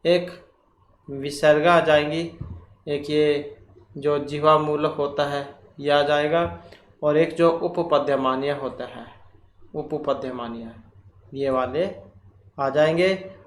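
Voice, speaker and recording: A man with a fairly high, steady voice teaches Sanskrit grammar for exam prep, moving through quiz questions slowly and deliberately. He poses questions to himself and repeats the key terms. The room echoes, with faint ambient noise.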